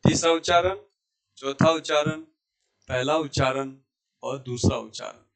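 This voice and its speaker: Rajasthani hindi guy teaching online, talks slow, voice a bit high, hammers each syllable. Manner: slow, emphatic drilling of syllables. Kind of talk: online language lesson.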